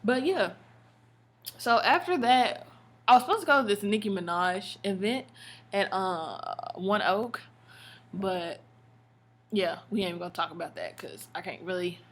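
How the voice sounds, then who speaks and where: An American woman telling stories in a casual, slangy vlog style, expressive and full of emphatic asides. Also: medium pitch, measured pace, long pauses. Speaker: vlogger. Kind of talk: casual chatty storytelling vlog.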